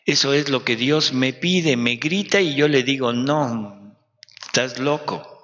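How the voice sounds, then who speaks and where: A man's voice: medium pitch, normal speed, a bit bright. A man preaching at a retreat in a conversational, joking way, often quizzing his listeners. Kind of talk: sermon. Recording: dull recording in a reverberant hall.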